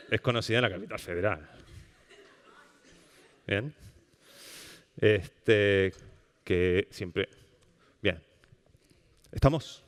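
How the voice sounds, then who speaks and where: A man with an Argentine Rioplatense accent giving a public lecture, animated and often checking in with the audience. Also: on the low side. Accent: Rioplatense Spanish. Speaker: speaker giving a public talk on language. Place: lecture hall at a cultural center. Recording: long reverb of a hall.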